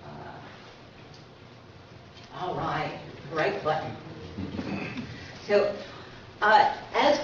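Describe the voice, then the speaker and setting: A woman with a low, animated voice speaks extremely slowly, leaving long pauses. She is a guest speaker presenting a book in an informal public lecture, chatting with the audience, adding small asides and reading out aphorisms. The recording was made from far off in an echoing talk room at a community centre, and it sounds muffled and noisy.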